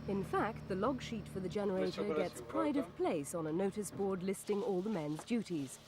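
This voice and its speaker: A woman reporter reading scripted documentary narration in a measured, formal manner. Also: medium pitch.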